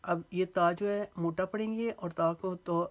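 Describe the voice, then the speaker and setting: A woman teaching Quran recitation rules, slowly drawing out recited phrases and then explaining each rule patiently. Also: fairly low pitch, fairly even intonation. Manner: breaks words into syllables and draws out recited phrases slowly. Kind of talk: tajweed lesson with slow recitation.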